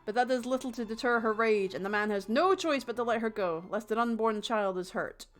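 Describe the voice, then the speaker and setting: A woman's voice: a little high, brisk, faint music behind. A woman streaming a story game, reading its text aloud and adding playful, sarcastic remarks. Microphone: desk mic, no headphones.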